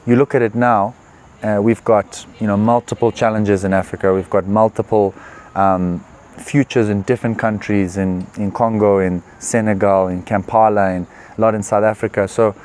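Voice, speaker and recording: A man's voice: on the low side, moderate pace. Man in his twenties, earnest. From Zimbabwe. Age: 20s. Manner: relaxed, earnest, with frequent "uh" and "you know" fillers. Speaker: professional tennis player. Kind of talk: interview answers. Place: tournament venue.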